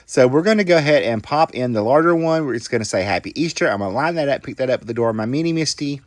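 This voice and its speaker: A man's voice: medium pitch, expressive, quick pace, dry recording. Chatty man walking through a craft. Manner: chatty, self-deprecating, folksy asides to viewers. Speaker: card-making tutorial host. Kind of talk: casual crafting tutorial voice-over.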